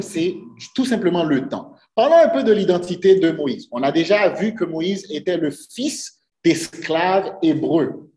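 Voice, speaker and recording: Earnest preacher in an echoey church. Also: male voice, a little high, darkish tone. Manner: earnest, asks the congregation rhetorical questions. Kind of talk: sermon. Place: church sanctuary.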